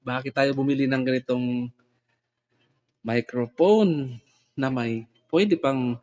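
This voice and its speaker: A man with a mid-range, darkish voice chats slowly and casually in a vlog, giggling as he tries out his new condenser microphone and sound card.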